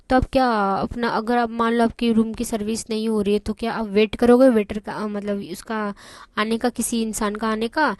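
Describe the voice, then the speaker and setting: A woman with a slightly high voice gives a spoken English lesson. She speaks slowly and deliberately, drawing out each English phrase word by word before translating it. The sound is close and dry, with no room around it. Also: a little mellow, no room sound. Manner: repeats and translates each phrase, checking in with "theek hai". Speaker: English teacher.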